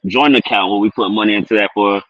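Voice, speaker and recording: A man's voice: fairly low pitch, fairly even intonation, quick pace, fairly bright tone, no room sound. A man chatting casually and plainly as a dating show contestant, over dull call audio. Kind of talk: casual chat.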